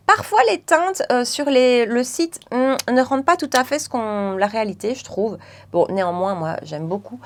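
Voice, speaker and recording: A French-accented woman chatting enthusiastically about her makeup purchases in a casual beauty vlog. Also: medium pitch. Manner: enthusiastic, chatty, many fillers. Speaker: beauty vlogger. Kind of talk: casual makeup haul chat.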